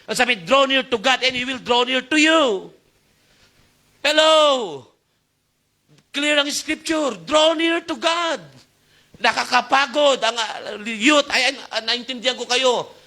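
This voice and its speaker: A man preaching to a youth service, exhorting and calling for amens, his delivery swinging between loud and soft. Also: extremely high pitch, unhurried. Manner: exhorting, calls for amen, shifting loud and soft. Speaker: youth pastor. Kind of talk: Taglish sermon.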